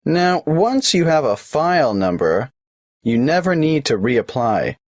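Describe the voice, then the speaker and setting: A man's voice: a little high, very animated, unhurried, no room sound, clean studio sound. An actor playing a polite, businesslike male tax office clerk who asks questions in a scripted exam dialogue.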